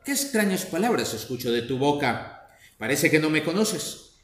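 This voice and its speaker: Man doing a slow, lamenting old mother, low and soft, storybook reading in an echoey room. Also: sing-song. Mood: pleading. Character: pleading old mother, pious and tearful. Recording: echoey room with faint noise.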